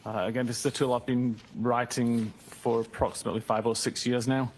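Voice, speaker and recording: A man testifying as an expert witness in a courtroom recording, giving measured, technical answers with frequent hesitations. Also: mid-range voice, little pitch movement, darkish tone, slight background noise, poor audio.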